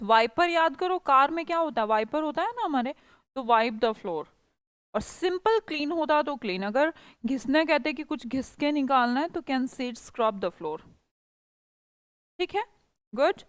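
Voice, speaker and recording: A woman's voice: high voice, expressive, measured pace, a bit bright, clean tone, no echo, clean studio sound. A woman teaching a spoken English class, coaxing students and quizzing them by repeating phrases.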